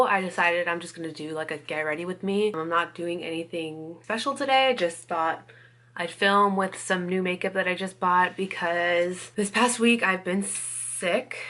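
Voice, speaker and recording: A beauty vlogger gets ready on camera, chatting casually as she applies makeup and frequently using "like" and "you guys". She is getting over a cold and sounds slightly congested. Her pitch is fairly low, her tone bright and forceful.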